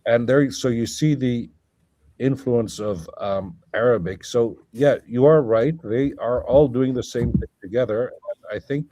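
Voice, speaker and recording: A man's voice: mid-range voice, a little slow, warm tone, no echo. A scholarly man explaining at length in a conversation, thinking aloud with fillers and self-corrections. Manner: lecturing, thinking aloud with many fillers and restarts. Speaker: guest scholar. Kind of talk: academic conversation.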